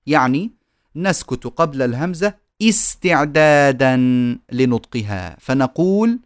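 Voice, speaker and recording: Lively-voiced man teaching recitation. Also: on the high side, no echo, clean studio sound. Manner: explains patiently, slows down to model sounds. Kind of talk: recorded online lecture.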